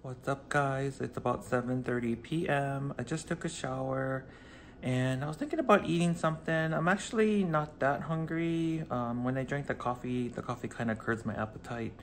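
A man's voice: medium pitch, normal speed, a little hiss or hum. Chatty, upbeat man vlogging from his car. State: out of breath. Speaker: vlogger, flight attendant. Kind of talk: casual vlog chat. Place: in a car, then at home.

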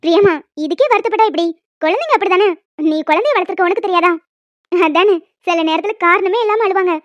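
Woman voicing a squeaky young Tamil wife. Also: dry recording. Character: young wife and women of a family. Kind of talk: homemade animated family story. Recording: dry, dull lo-fi home mic.

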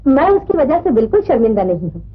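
An actress playing a loving middle-aged mother who tenderly and gently scolds her children, in 1950s film acting. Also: high voice, big pitch swings, fast, husky, exaggerated voice. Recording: tinny old film soundtrack with score.

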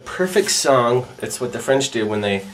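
A woman co-hosting a homemade joke cooking show, rambling with lots of fillers and keeping a deadpan, joking tone. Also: rumbling low, normal speed, slight background noise. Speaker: co-host of home comedy video.

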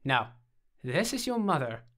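A man's voice: fairly high pitch, sing-song, a little slow, sharp tone, full character voice. A man voicing a playful young man who teases and coaxes with theatrical flair. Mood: teasing. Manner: teasing, theatrical, coaxing.

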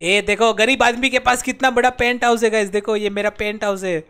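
A young man with a strikingly high voice streams a game and chats live to his viewers. He jokes around, exclaims, and pleads in playful mock despair. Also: steady tone, fairly quick, a bit bright, clear, resonant tone. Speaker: gaming streamer.

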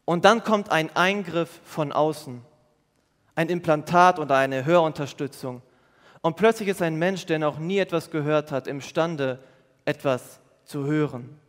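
A man's voice: a little high, a little slow. A man preaching a youth service sermon, earnest and explanatory, repeating his key phrases. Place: church hall. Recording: long church hall reverb.

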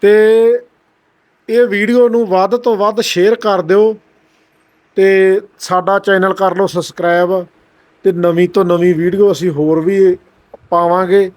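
A man hosting a charity video, making gentle, earnest, repeated appeals to viewers. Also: sits high, little pitch movement, a little slow.

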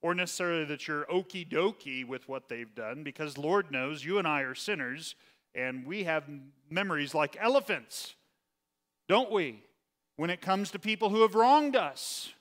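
Chatty pastor in a reverberant hall. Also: male voice, a little high, animated, moderate pace, a bit bright. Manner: chatty and self-deprecating, asks the class frequent questions. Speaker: pastor leading Bible study. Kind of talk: informal Bible study teaching with scripture reading. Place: church room.

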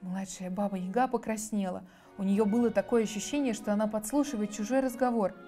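A woman reading a fairy tale aloud for children in a soft, expressive way. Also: medium pitch, fairly quick, faint music behind. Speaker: storyteller.

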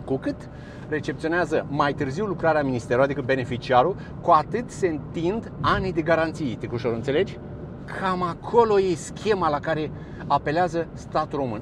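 A man's voice: a little high, animated. A man giving chatty, sarcastic commentary straight to his viewers while standing beside a busy road. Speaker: local vlogger. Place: roadside by a busy road, outdoors. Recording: faint outdoor traffic noise. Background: passing traffic and trucks.

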